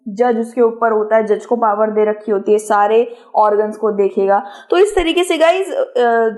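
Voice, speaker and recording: A woman's voice: fairly high pitch, a little mellow. Chatty young woman teacher. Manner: chatty, addresses viewers as guys, mixes English terms, personal anecdotes. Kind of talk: casual exam-prep lesson.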